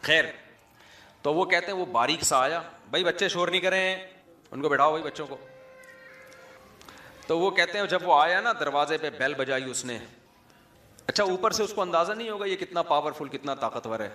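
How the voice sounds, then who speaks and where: A man's voice: fairly high pitch, long pauses, sharp tone. A middle-aged man, an Islamic scholar giving a humorous sermon with chatty storytelling and asides to a live audience. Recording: echoey hall, faint music.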